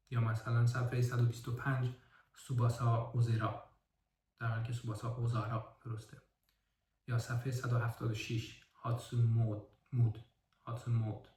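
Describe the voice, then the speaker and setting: A man talks through a book review in a relaxed, unscripted way. He goes carefully, stopping to correct himself and sound out single words. He sits a little back from the mic, and his voice rings in a roomy space. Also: medium pitch, distant mic, a little hiss or hum. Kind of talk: casual spoken book review.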